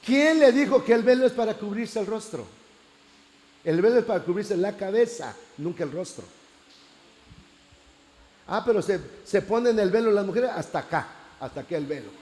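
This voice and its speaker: A man preaching a church class, telling his story with lively acted-out prayers. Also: high voice, moderate pace, pauses often. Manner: animated storytelling, acting out prayers.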